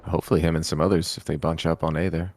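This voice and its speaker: A man's voice: extremely low pitch, flat delivery, racing, darkish tone, dry recording. A man on voice chat in a game, giving short callouts and dry remarks to his teammate.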